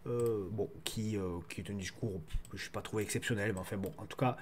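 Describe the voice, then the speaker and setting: A man's voice: lowish voice, steady tone, brisk, a little hiss or hum. A man hosting a casual market commentary video, repeating words as he feels his way through his phrasing. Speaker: host of a stock market analysis show.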